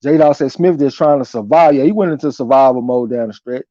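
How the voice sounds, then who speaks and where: Casual male boxing stream host: relaxed tone, slangy and profane, reads chat aloud, dull lo-fi sound. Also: mid-range voice, brisk, dry recording. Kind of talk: casual live chat commentary, reading viewer comments aloud. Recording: dull lo-fi audio.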